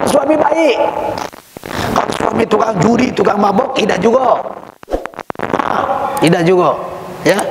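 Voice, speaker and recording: A man preaching to a crowd, joking and acting out household scenes with big pitch swings. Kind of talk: sermon. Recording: echoey hall with faint noise.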